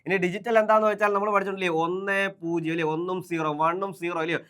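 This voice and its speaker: A man's voice: sits high, flat delivery, fast talker, fairly bright tone, smooth. A man teaching an exam-prep lesson, who keeps asking questions and answering them himself and repeats key terms again and again.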